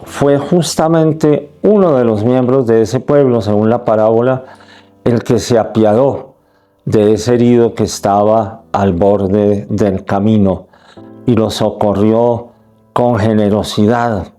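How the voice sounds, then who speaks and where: A man giving a measured, reflective catechesis talk, phrase by phrase with pauses. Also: medium pitch, warm tone. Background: faint guitar music.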